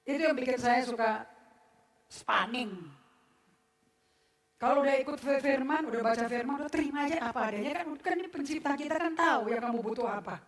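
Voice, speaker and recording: A woman's voice: sits high, a little fast, distant mic. A woman pastor preaching a sermon to her congregation, blunt and scolding, mixing formal words with slang and jokes. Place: church service. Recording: echoey church hall.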